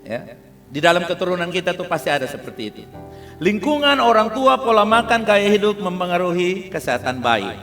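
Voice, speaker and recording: A man pastor with a Kupang Malay accent preaches a sermon in a lively, humorous way, often turning to the congregation. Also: sits high, brisk, soft background music. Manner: lively, humorous, addresses listeners as "saudara kasih" often. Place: large church hall. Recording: church service with long reverb.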